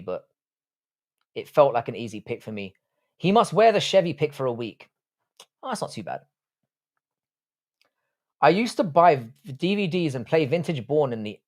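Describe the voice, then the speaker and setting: A man in his thirties hosts a live stream in a mid-range, slightly mellow voice, answering viewer comments in a blunt, profane, joking way. He comes from Ireland, grew up in southwest London, and has a London accent.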